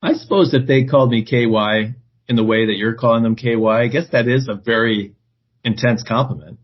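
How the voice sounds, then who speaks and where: Man, podcast co-host, casual chat, muffled lo-fi low-quality stream, no headset, mid pitch. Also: brisk. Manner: chatty, poses questions to the group. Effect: low-quality stream audio from a weak internet connection, no headset. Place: on the road, away from home. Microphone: no headset, built-in device mic. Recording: dull lo-fi internet call audio.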